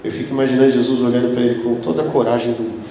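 Dramatic Brazilian pastor in an echoey church. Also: male voice, mid-range voice, little pitch movement, racing, a little hiss or hum. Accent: Brazilian Portuguese. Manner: dramatic storytelling, swings from hushed to loud, keeps calling out "amen, church?". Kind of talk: sermon. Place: church hall. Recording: very echoey church hall with faint music.

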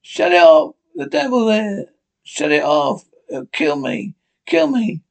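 A man's voice: a little high, moderate pace, vocal fry. A man playing a murderous old man in a horror radio play, with a menacing, theatrical delivery. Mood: desperate, panicked. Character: gloating murderous old man, panicking when trapped.

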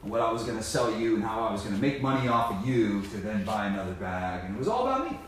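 A man giving a profane, impassioned motivational talk about sobriety, dropping from low muttering to loud emphatic preaching in casual slang. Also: sing-song, quick pace, a little hiss or hum. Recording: very echoey room.

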